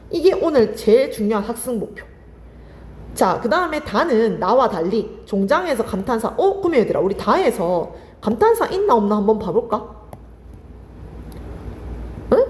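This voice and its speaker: A woman's voice: medium pitch, a little mellow, long reverb tail. A woman teaching Korean literature for exam prep, firing questions at her students and answering them herself. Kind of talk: lively exam-prep lecture.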